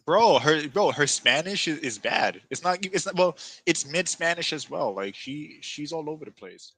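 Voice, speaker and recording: A podcast co-host chats casually, blunt, talkative and fast-talking, saying "bro" and "like" constantly. His voice is fairly high, animated and a bit bright, with a little hiss or hum in the recording.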